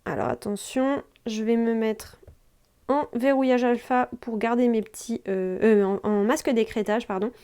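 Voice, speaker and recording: A woman's voice: fairly high pitch, fairly even intonation, moderate pace, dark tone, clean tone. A young woman, hosting a screen-recorded drawing tutorial and speaking to the viewer in a chatty, informal way, often checking in as she goes.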